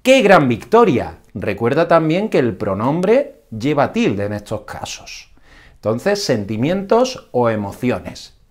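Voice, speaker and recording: A man's voice: medium pitch, big pitch swings, slow pace, a little mellow. A man teaching a grammar lesson, explaining each sentence type step by step. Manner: explains step by step with varied intonation. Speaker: language teacher.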